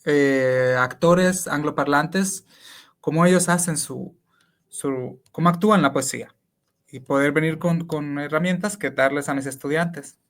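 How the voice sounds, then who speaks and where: A man with a Honduran Spanish accent speaks as an interview guest, with a somewhat higher voice than most men. He explains things step by step in a reflective, conversational way and restarts his sentences often, like a teacher thinking aloud. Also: measured pace, a bit bright.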